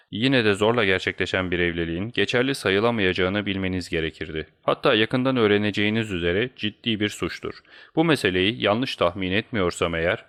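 A man's voice: on the low side, fairly bright tone. A man voicing a cold commanding detective. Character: cool commanding male detective, calm authority.

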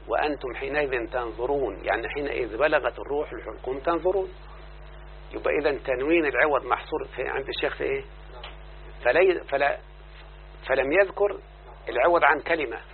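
An Egyptian man leads a classroom grammar lesson, walking through each rule and pausing often to check with his listeners. His voice sits in a middle register. The recording is thin and phone-like, with a faint hum underneath. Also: mid-range voice. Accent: Egyptian Arabic. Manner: explains then checks the class with repeated questions. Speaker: teacher of Arabic grammar.

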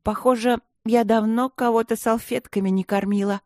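Man putting on a high-voiced young student girl, earnest and stubborn, audiobook, dry. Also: fairly even intonation, normal speed, darkish tone, dry recording.

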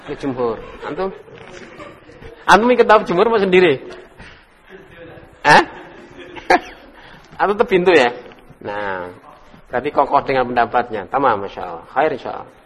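A man leads an Arabic class. He quizzes students one by one, praises their answers and draws out the drill words slowly. His voice sits fairly high for a man, and it rings in a hall with a long echo. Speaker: Islamic teacher leading an Arabic class. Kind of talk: interactive classroom lesson. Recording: reverberant room recording.

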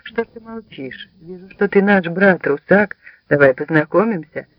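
A man voicing a smooth-talking young male dandy with a soft, ingratiating manner. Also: sits high, lively intonation, moderate pace, no room sound. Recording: slightly dull lo-fi sound.

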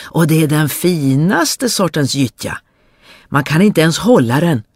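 A storyteller voicing a foolish, cheerful young peasant brother who shouts eagerly in a dry recording. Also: mid-range voice, big pitch swings, no echo. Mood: eager, boisterous.

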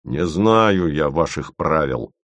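A man voicing a gruff, irritable male official who barks and grumbles. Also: lowish voice, moderate pace, no room sound, pitched above the performer's own voice. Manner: barking, grumbling. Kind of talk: audiobook reading.

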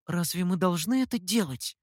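A naive young scribe, put on by an audiobook reader asks his questions in an innocent, wondering voice. His delivery is lively. The sound is dry. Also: sits high, moderate pace, no room sound, pitched above the performer's own voice.

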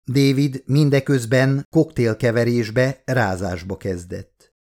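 A man narrates an audiobook in a steady, measured storytelling manner. His voice sits at a middling pitch for a man, unhurried and even. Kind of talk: scripted narration.

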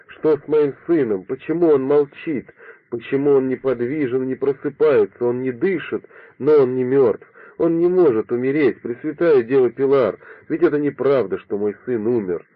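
A man's voice: mid-range voice, animated, measured pace, dry recording. A man reading an audiobook voices a middle-aged mother in frantic, pleading disbelief, on a dry, phone-like recording. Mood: frantic grief. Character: distraught grieving mother, middle-aged woman. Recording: dry, phone-like narrow sound.

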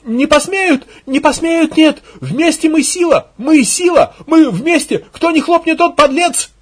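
A man's voice: extremely high pitch, lively intonation, unhurried, pitched above the performer's own voice. A man voicing a frenzied male propagandist who whips a crowd into chanting, his voice climbing to a screech. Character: shrieking male rabble-rousing propagandist.

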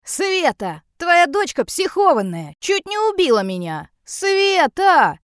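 A woman reading an audiobook, voicing a pushy, creepy middle-aged drunk man who wheedles and yells. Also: medium pitch, lively intonation, measured pace, smooth, no echo, studio quality, lightly acted. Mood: yelling. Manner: leering, wheedling, then yelling.

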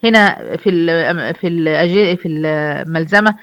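A woman's voice: sits low, unhurried. A woman with an Egyptian Arabic accent teaching a recitation class online. She explains step by step, asks her students questions and answers them herself. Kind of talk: online lecture.

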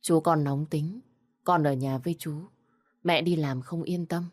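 A woman voicing a weary young pregnant widow, quiet and restrained, in a storybook. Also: low voice, fairly even intonation, a little slow. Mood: tender.

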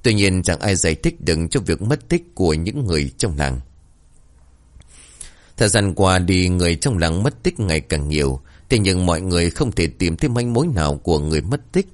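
A man tells a village ghost story in a suspenseful, dramatic way. His voice is deep, yet it moves widely in pitch to build tension. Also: sing-song, a little fast. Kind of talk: dramatic horror story narration.

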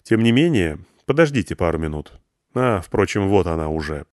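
A man voicing a calm, dryly sarcastic grown man. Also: low-pitched, moderate pace, dry recording, clean studio sound.

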